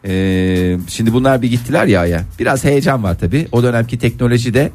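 A man's voice: medium pitch, fast, darkish tone. A man hosting a casual, humorous talk, telling things in a rambling, colloquial way. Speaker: talk show host.

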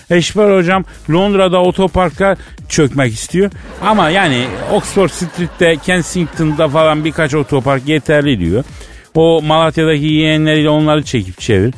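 A man from Elazığ telling a comic story as a radio co-host, chatty and lively. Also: fairly high pitch. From Elazığ, Turkey. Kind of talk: comic radio banter with a fake phone call.

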